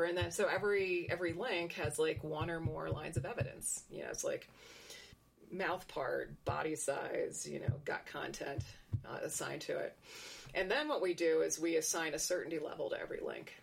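A woman's voice: low voice, vocal fry, slightly rough. A woman researcher explaining her work in conversation, thinking aloud with frequent restarts and asides.

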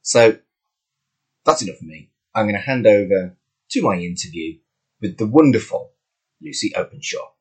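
A man's voice: lowish voice, moderate pace, long pauses, husky. A man hosting a podcast, introducing his guest and chatting in an effusive, friendly way. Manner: warm, effusive, animated intonation. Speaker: podcast host and celebrant. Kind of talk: casual interview chat.

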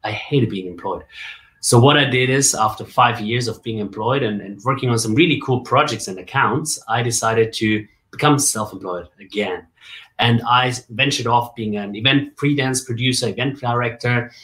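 Forties male guest raised in Germany, coach and MC type; lively storytelling delivery, mid-range pitch. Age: 40s. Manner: lively storyteller, jokes and rhetorical asides. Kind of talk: casual interview on a video call.

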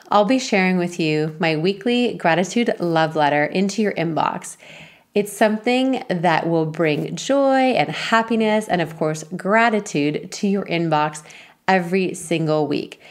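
A woman's voice: lowish voice, animated, normal speed. A woman hosting a podcast, speaking in an encouraging, reflective way to her guest and listeners. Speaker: podcast host. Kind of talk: podcast interview.

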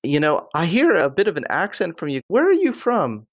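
A man's voice: a little high, wildly swooping pitch, normal speed. A man hosting an interview podcast, introducing and questioning his guest with enthusiasm. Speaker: podcast host.

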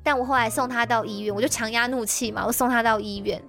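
A woman's voice: on the high side, fairly even intonation, fast, fairly bright tone, soft background music. A woman with a Taiwanese Mandarin accent telling a personal story on a podcast, emotional and intense.

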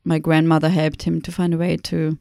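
A middle-aged woman from Germany, speaking with a German accent, talks as a photographer guest in an interview, in a reflective, halting way with frequent restarts. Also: low-pitched, completely flat delivery, creaky, darkish tone, dry recording, studio quality. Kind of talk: conversational interview.

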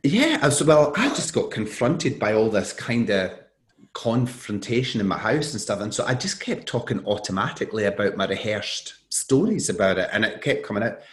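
Middle-aged man, low register, animated anecdote teller, voices the people he quotes. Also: normal speed. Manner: animated, acts out quoted dialogue. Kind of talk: storytelling in conversation.

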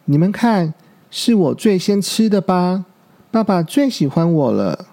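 A man's voice: high voice, lively intonation, unhurried, gravelly, dark tone, pitched above the performer's own voice, heavily acted. Man doing a smug little baby ankylosaur. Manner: smug, bragging.

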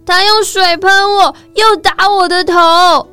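A woman voicing a small first-grade boy who is hurt and indignant, speaking in a high, shrill, tearful voice in a children's storybook. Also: fairly even intonation, slow, bright, forceful tone, faint music behind, full character voice. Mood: upset, tearful.

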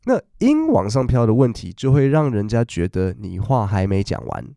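A man's voice: mid-range voice, very animated, normal speed, gravelly, mellow, dry recording, studio quality. A man, hosting a casual, chatty podcast about work English. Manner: chatty, storytelling, acts out quoted voices. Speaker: podcast host teaching English. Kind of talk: casual chat.

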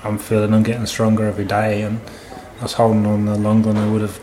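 Understated, lowish-voiced man from the UK. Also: completely flat delivery, fast, dark tone, a little hiss or hum. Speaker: endurance athlete being interviewed. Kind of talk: casual interview answers.

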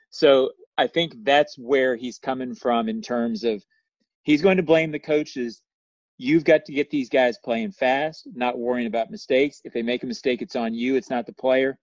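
A man's voice: mid-range voice, a little mellow, no echo, highs cut off. A man on a football podcast, talking through coaching philosophy in a thoughtful, analytical way. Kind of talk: casual sports discussion.

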